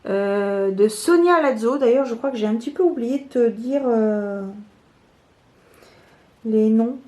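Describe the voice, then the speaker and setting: Slow, hesitant woman. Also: on the high side. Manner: hesitant, many fillers and restarts; slow, soft-spoken. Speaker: tarot vlogger. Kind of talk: casual show-and-tell of tarot cards.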